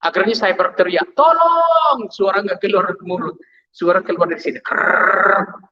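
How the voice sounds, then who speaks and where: A man's voice: high-pitched, flat delivery, fast, dull audio. A man telling his testimony to a congregation, storytelling vividly and acting out sounds. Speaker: testimony speaker.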